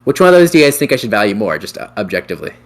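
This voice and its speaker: A man's voice: on the low side, big pitch swings, very fast. A young man hosting a casual podcast chat, thinking aloud and unsure, with many fillers and restarts. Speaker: podcast host.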